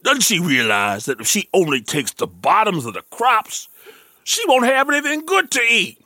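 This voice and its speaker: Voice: mid-range voice, huge pitch swings, moderate pace, sharp tone, dry recording, heavily acted. An actor playing a lazy, sleepy, scheming male bear in a children's story, with a drowsy, drawling and smug way of talking.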